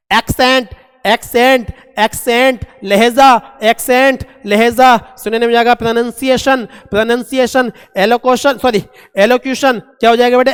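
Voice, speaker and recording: A man's voice: very high-pitched, smooth. A man teaching an exam-prep vocabulary lesson, repeating each word and quizzing his students, whom he calls "beta". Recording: long reverb in a hall.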